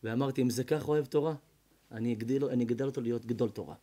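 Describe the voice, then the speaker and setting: A male rabbi telling a story in a sermon, acting out each character's lines and swinging from loud to hushed. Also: medium pitch, slight background noise. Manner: dramatic, voicing characters in the tales with big swings in loudness. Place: evening lecture before an audience.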